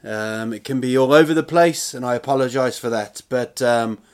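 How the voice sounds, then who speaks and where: Alone at the mic, this forties podcast host and touring comedian wanders casually from topic to topic, hesitating, putting himself down and swearing freely. His voice is mid-range and smooth at moderate speed.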